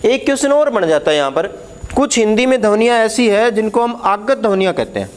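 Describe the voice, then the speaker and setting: A man's voice: high voice, expressive, brisk. A man teaching Hindi letters at a board, explaining patiently, repeating key words and putting questions to the class.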